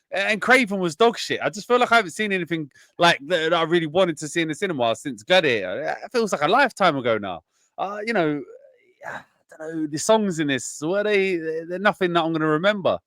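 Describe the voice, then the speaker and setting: A man's voice: high voice, a bit bright, no echo, studio quality. A man co-hosting a film podcast, rambling and swearing a lot while a bit drunk. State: tipsy. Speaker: podcast co-host. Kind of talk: casual film review chat.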